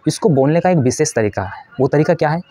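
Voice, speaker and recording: A man's voice: on the high side, lively intonation, quick pace, dark tone, dry recording. A man giving a patient spiritual lesson. He explains step by step, asks questions and answers them himself, and shows how to chant. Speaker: spiritual teacher.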